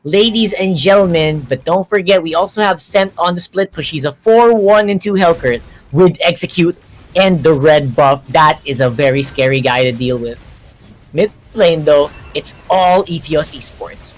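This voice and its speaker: A man's voice: on the high side, normal speed, low-quality recording. Male esports analyst explaining strategy. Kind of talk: live esports color commentary.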